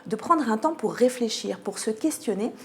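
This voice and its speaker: Lively intonation marks this woman's slightly high, fairly bright voice at normal speed. She's a French speaker from France, a radio interview guest explaining a cultural programme, articulate yet often hesitating to find her words.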